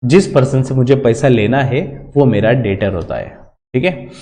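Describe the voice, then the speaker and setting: A man's voice: mid-range voice, normal speed, dark tone. A man with an Indian English accent teaching a commerce lecture, explaining step by step and mixing English terms into Hindi. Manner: explains step by step and checks in with repeated "theek hai". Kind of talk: recorded lecture for students. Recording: long hall reverb.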